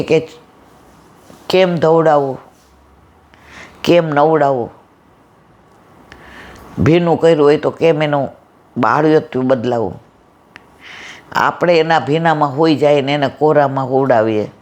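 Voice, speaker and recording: A woman's voice: sits low, a little mellow. Woman, satsang speaker; devotional storytelling that acts out the dialogue. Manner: tells stories, acting out quoted dialogue.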